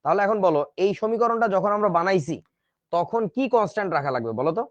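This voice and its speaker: A man's voice: high-pitched, lively intonation, fast, no echo, lo-fi sound. A man teaching a chemistry class in a casual, joking way, with speech. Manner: chatty, joking asides to students. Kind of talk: casual online class lecture.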